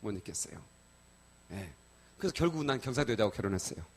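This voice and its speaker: Animated pastor preaching. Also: male voice, lowish voice, fast talker, breathy edge. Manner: animated storytelling, swings from loud exclamations to soft asides; colloquial, addresses congregation with repeated "예?". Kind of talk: sermon. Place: church sanctuary.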